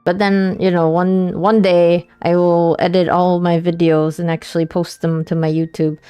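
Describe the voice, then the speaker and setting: A woman's voice: on the low side, level tone, takes it slowly, mellow, clear, resonant tone, no echo. A woman streamer chatting casually and informally to viewers on a livestream.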